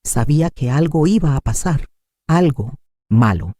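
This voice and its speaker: A woman narrating a first-person life story in a slow, dramatic, emotive way. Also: deep voice, expressive, dark tone, no echo, studio quality.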